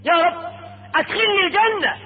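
A preacher acting out a man imploring at the gate of paradise, pleading high and urgent. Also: fast talker, husky, narrow, tinny audio. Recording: echoey hall over radio.

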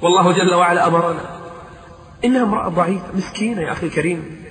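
This preacher's high-pitched voice is rapid-fire and a bit bright. Recorded in an echoey hall, he pleads fervently, asks rhetorical questions, and chants verses as if singing.

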